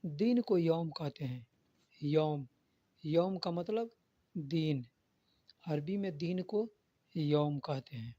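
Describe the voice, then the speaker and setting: A man's voice: a little high, expressive, slow pace, long pauses, warm tone, dry recording. A man giving a spoken vocabulary lesson, patiently repeating each word and its meaning. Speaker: Arabic vocabulary teacher. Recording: dull, lo-fi dry recording.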